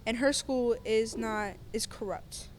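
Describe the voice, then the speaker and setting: A woman's voice: on the high side, takes it slowly, slight background noise. A woman talking earnestly and hesitantly in a casual podcast chat, often searching for her words.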